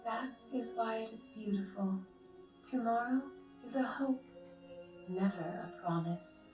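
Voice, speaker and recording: An ageless, gentle lamb spirit of death from a video game, voiced by a woman. The delivery is slow, calm and solemn, with measured poetic phrasing. The voice rings with echo and sounds set back from the listener. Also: fairly high pitch, lo-fi sound, lightly acted. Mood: calm, foreboding. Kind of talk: scripted game character voice lines. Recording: echoing, distant playback over music.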